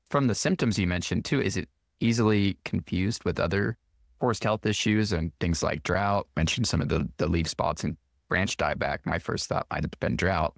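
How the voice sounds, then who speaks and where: A man's voice: low voice, vocal fry, no room sound, clean studio sound. A man hosting a podcast interview, asking curious, conversational follow-up questions. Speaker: podcast host.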